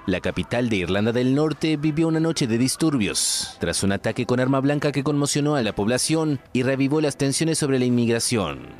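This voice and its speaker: A man reading a news report as a scripted voice-over, in a measured delivery. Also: medium pitch, darkish tone, slight background noise. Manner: measured voice-over, also dubbing interviewees.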